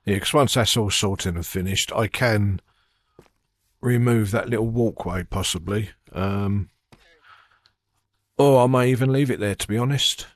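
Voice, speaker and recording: Low-voiced man musing over gameplay. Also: a little slow, pauses often, dry recording. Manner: relaxed, thinking aloud with many fillers. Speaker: gaming channel host. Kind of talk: casual gameplay commentary.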